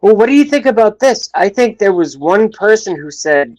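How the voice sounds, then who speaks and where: A man in his thirties, late thirties specifically, hosts a livestream talk show, rambling and swearing as his loudness swings up and down. His voice sits high with big pitch swings at a moderate pace, and the sound is lo-fi.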